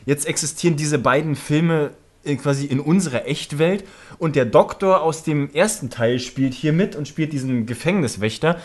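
A man's voice: a little high, normal speed. A man in a casual podcast chat, retelling a film in a rambling way and laughing as he talks.

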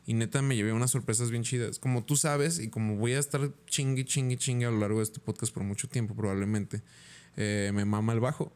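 A young man with a Mexican Spanish accent, co-hosting a podcast in an easygoing, slang-heavy way. His voice has a middle pitch, and he speaks casually, without any rush. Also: fairly even intonation, brisk, a little mellow, smooth. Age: young adult. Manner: laid-back, heavy slang. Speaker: podcast co-host. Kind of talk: casual chat.

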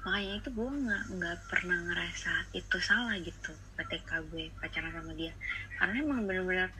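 A woman's voice: fairly low pitch, brisk. A young woman telling a personal story casually and hesitantly over a phone call, mixing in English phrases. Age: young adult. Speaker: podcast guest on a phone call. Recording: phone call with clear background noise.

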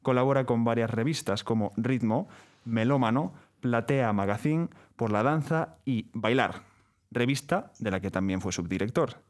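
A man's voice: medium pitch, normal speed. A man co-hosting an interview, reading out a guest's background with care and asking questions. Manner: reads carefully, stumbles on names. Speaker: co-host.

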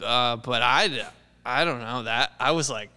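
A man's voice: medium pitch, measured pace, pushed and bright, clear, resonant tone. A man chatting casually about sports as a podcast co-host, recorded in a reverberant room.

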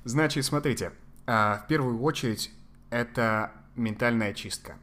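A man giving conversational psychological advice as a podcast guest, sometimes halting to search for Russian words. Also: mid-range voice, a bit bright.

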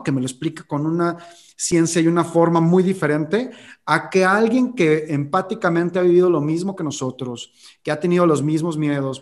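A man hosting a casual interview, speaking in an enthusiastic, reflective way. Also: on the high side. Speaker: host.

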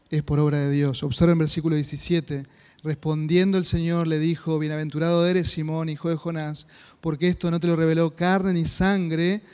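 A man's voice: a little high, darkish tone, clear, resonant tone, in a large hall. A man, a pastor with a Rioplatense Spanish accent, teaching a sermon-style Bible class and earnestly checking in with the congregation. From Argentina. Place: church hall.

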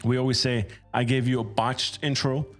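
A man hosting a casual podcast interview, halting and repeating words as he phrases his thoughts. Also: mid-range voice, little pitch movement, faint music behind. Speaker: podcast host.

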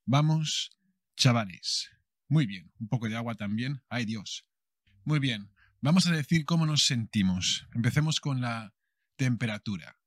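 A young man from Spain with a Castilian accent teaches a bilingual Spanish lesson at an unhurried, deliberate pace. He acts out little everyday scenes with plenty of expression. The recording is dry and close, with no room sound. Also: medium pitch, expressive, no echo.

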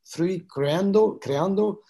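Guy w foreign accent in spanish, not native, halting n earnest, repeats words, casual interview chat. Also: high voice, mellow, breathy edge. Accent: foreign, non-native Spanish. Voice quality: halting, non-native speech with grammar slips. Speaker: interview guest, filmmaker.

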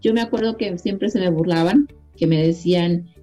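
A woman with a Mexican accent speaks as a radio guest, earnest and proud, encouraging listeners. Her voice has a mellow, warm tone, with faint music in the background. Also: lowish voice, moderate pace. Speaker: guest author. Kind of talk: casual radio interview.

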